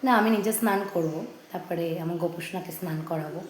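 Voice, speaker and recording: A woman with a hoarse voice chatting casually in a home vlog, often stopping to talk to her baby. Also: lowish voice, fast, roomy sound, slight background noise. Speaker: vlogger.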